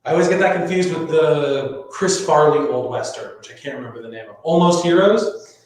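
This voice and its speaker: A man's voice: a little high, brisk, darkish tone. A man hosting a live-streamed trivia game show, playful and showy, chatting casually with viewers in a very echoey space. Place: echoey room. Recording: very echoey reverberant space, music behind. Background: music.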